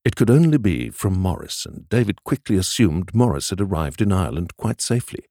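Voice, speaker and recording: A male audiobook narrator with a very low voice that still swings expressively through each sentence. The read is dry and close, with no room around it. He tells the story in a measured, steady way. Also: no room sound.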